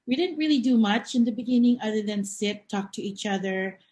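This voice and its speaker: A woman's voice: medium pitch, fairly quick, a little mellow. A woman in her thirties from the Philippines, a cafe owner talking as a podcast guest in an earnest, reflective storytelling way. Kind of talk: conversational podcast interview.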